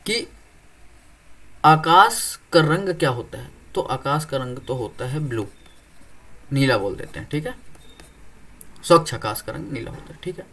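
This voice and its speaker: A man's voice: a little high, fairly bright tone. A young man teaching an exam-prep reasoning lesson, explaining step by step and often asking whether students follow. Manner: explains step by step, keeps checking "clear?".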